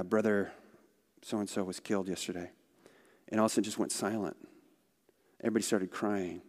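A man speaking for a missionary organization, telling stories in a conversational church talk with asides. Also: fairly low pitch. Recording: long hall reverb.

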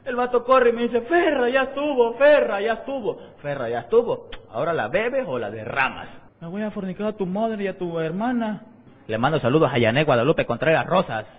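A man's voice: high voice, lively intonation, a little fast. A man telling a rambling, slangy story in a street interview clip. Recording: tinny phone-like video audio.

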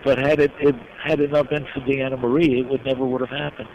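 An older man from New York telling personal stories as an interview guest, reflective and heartfelt, pausing often. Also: mid-range voice, level tone. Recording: dull lo-fi sound with clear background noise.

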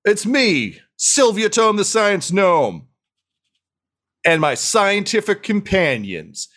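Man doing a high-voiced gnome woman scientist, boastful, theatrical, blunt. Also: big pitch swings, slow pace, fairly bright tone, full character voice. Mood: grandstanding. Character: brash, showy female gnome scientist.

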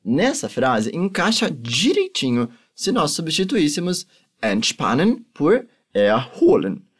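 A male teacher, a native Portuguese speaker, giving a language lesson and patiently drilling phrases slowly for repetition. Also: fairly high pitch, wildly swooping pitch, husky. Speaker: German teacher.

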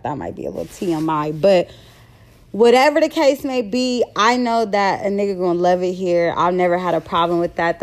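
Woman, 30s, podcast host, casual solo monologue, blunt, stumbles over words. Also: lowish voice.

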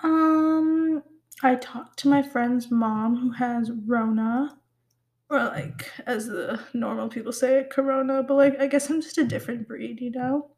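A teenage girl of Pakistani heritage hosts her own casual solo podcast, rambling and teasing herself with plenty of "like" and "um." Her voice is high-pitched and a little mellow, with fairly even intonation and a measured pace.

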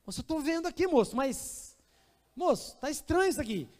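A man's voice: very high voice, fairly quick, voice pushed up. A man voicing a kind, chatty young woman on a train, eager and reassuring, with a Brazilian Portuguese accent. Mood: excited. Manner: eager, reassuring, grows excited. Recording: reverberant church hall.

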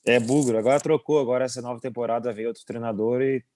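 This is a relaxed young man from Brazil, a goalkeeper. His voice is warm and mellow, recorded dry and close. He chats loosely with plenty of fillers and quick laughs. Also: medium pitch, dry recording. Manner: relaxed, chuckling, many fillers. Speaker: goalkeeper abroad, interview guest. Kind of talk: casual interview chat.

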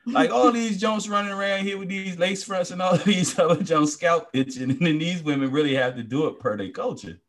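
A man's voice: high-pitched, brisk, few pauses. A man co-hosting a podcast, chatting casually and telling stories in slangy speech, laughing often. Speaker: podcast co-host. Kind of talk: casual chat.

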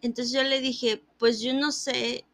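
A woman's voice: a little high, slow. A woman, telling a funny story in casual chat and acting out the other person's lines, laughing often. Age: 30s. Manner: animated, acts out quoted dialogue, laughs often.

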